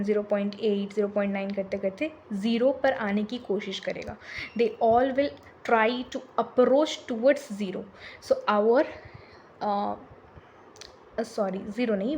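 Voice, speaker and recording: A woman teaching a maths lesson, switching between Hindi and English and explaining step by step with pauses and fillers. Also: a little high, darkish tone, a little hiss or hum.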